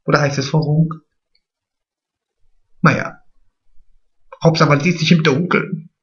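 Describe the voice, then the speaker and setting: A man's voice: a little high, fairly even intonation, a little slow, highs cut off, natural voice. A man playing a vain, chatty, naive middle-aged woman in a drag comedy monologue, stretching his words. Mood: gossipy.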